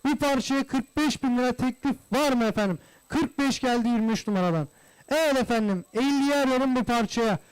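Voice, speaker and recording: High-voiced male livestock auctioneer. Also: a little fast, smooth, poor audio. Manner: formal, courteous address to guests. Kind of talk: live auctioneer calling bids, repetitive price chant.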